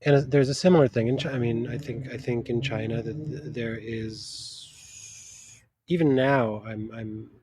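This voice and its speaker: Against a noisy background, a literary translator appearing as a guest answers interview questions in a steady, medium-pitched voice. A native English speaker, he responds thoughtfully but haltingly, frequently restarting as he hunts for the right words.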